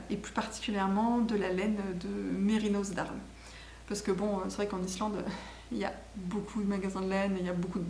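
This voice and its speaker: The knitting podcast host talks in a relaxed, homemade video podcast style, her medium-pitched voice full of enthusiasm. She rambles and often corrects herself mid-thought, while the echoey room carries a little noise behind her.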